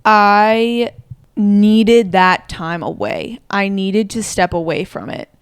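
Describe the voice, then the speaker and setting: A young woman in her twenties chats earnestly on a podcast and thinks aloud as she goes. Her voice is smooth and clear at an ordinary pitch. The sound is dry and close. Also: slow pace, no echo. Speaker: podcast co-host. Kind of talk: casual reflective chat.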